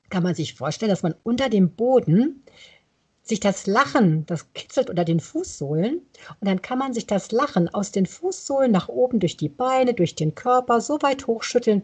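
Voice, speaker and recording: A woman leading laughter yoga, coaxing her listeners through each exercise and laughing often. Her husky voice swings widely in pitch. She sounds lively and warm-hearted as she explains. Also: moderate pace. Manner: gently coaxing, laughs often while guiding.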